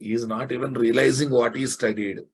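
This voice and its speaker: A man with a Telugu Indian accent and a husky, gravelly voice, lecturing informally and bluntly, repeating phrases for emphasis. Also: mid-range voice, fairly even intonation, a little fast. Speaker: software programming teacher. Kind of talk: informal live online lecture.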